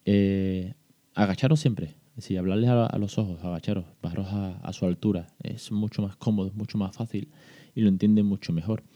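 A man hosts a parenting podcast, with a low and very dark voice. He talks in a chatty, patient way, full of fillers and restarts as he explains. The recording sounds dull and lo-fi. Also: fairly even intonation, a little fast. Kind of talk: casual reflective monologue.

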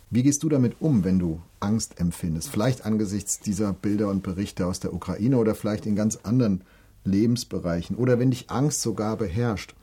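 A middle-aged man giving an earnest devotional talk, speaking directly to the listener and reading scripture slowly. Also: on the low side, dark tone, breathy edge. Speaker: preacher.

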